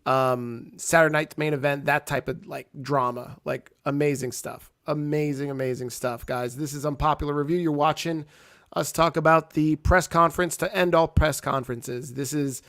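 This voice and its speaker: Male show host, a bit high, excitable, dry sound. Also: normal speed, dry recording. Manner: excitable, reads viewer comments. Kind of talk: casual wrestling chat.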